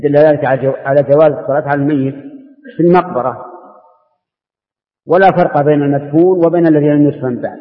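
A man, a religious scholar answering questions in an open session, explaining in a measured, step-by-step way. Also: on the high side, fairly even intonation. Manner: measured, explanatory, restarts words. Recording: tinny lo-fi tape with long hall reverb.

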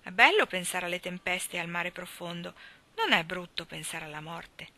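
Passionate young sailor, read by a woman: loud impassioned cries, bright tone, storybook reading. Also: lowish voice, lively intonation, moderate pace. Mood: tender.

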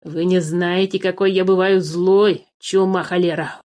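A woman voicing a sly, greedy male dwarf who guards cave treasure, with a wheedling, drawn-out manner, in a storybook reading. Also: on the low side, flat delivery, a little mellow, close to an everyday voice. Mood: mocking.

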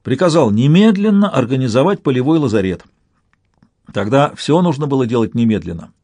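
A man voicing a decorated older male veteran who tells a war tale in a steady, wry way. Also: medium pitch, brisk, dry recording.

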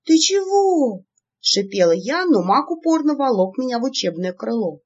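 A woman narrating a first-person story in an expressive, lively reading, in a dull lo-fi recording. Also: fairly high pitch, brisk. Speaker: audiobook narrator.

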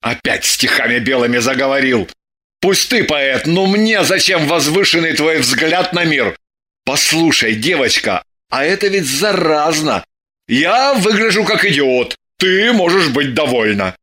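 A man's voice: fairly high pitch, expressive, a little slow, pushed and bright, full character voice. An actor playing a sardonic, exasperated young man who scolds with theatrical sarcasm in an audiobook. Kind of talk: audiobook dialogue.

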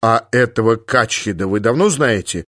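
A skeptical engineer asks wry, probing questions, as a man plays him in an audiobook. The voice sits at a mid pitch, close to the reader's own. The recording is dry and intimate. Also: expressive, moderate pace, a bit bright, dry recording. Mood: questioning.

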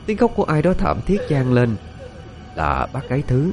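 A man narrating a ghost story in an expressive, dramatic way. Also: medium pitch, moderate pace, soft background music.

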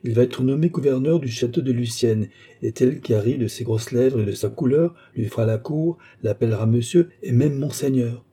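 Man doing a teasing, condescending court lady for an audiobook, raised dark husky voice. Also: medium pitch, normal speed, close to an everyday voice. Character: mocking young court woman, teasing and commanding. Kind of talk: audiobook character reading.

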